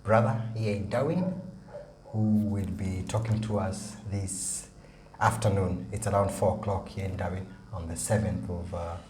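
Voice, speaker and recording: A man hosts a casual interview and encourages his guest with a steady stream of okays and mm-hmms. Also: low voice, normal speed. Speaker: interviewer, host. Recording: echoey room with clear background noise.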